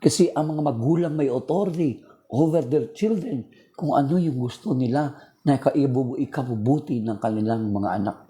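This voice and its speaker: A man with a mellow, dark voice teaches about faith from his house. He talks earnestly and circles back to drive each point home. His voice sounds strained. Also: mid-range voice, normal speed. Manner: earnest, repeats key points for emphasis. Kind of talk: informal religious teaching.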